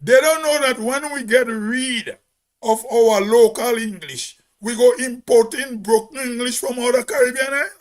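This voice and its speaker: A man's voice: extremely high pitch, moderate pace. A Grenadian man giving a spoken commentary in an emphatic, preachy way, as if on radio.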